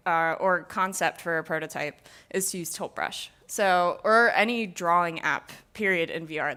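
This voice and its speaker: A woman's voice: on the low side, bright, forceful tone, clear, resonant tone. A young woman giving a casual conference talk on VR design, speaking into a stage mic and filling her sentences with "like.". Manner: casual, filler-heavy, many "like"s.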